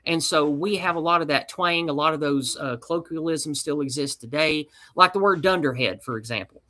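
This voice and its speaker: Man, East Tennessee twang, bright forceful tone, folksy rambling podcast guest. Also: fairly high pitch, fairly quick. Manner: folksy, rambling, with colloquial slang. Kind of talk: casual podcast chat.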